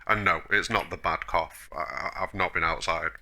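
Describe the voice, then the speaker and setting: A man's voice: deep voice, normal speed, pushed and bright. A man giving a casual, rambling gameplay tour as host, self-deprecating and a little grumbly, sounding chesty from a cough. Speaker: host of a gaming video.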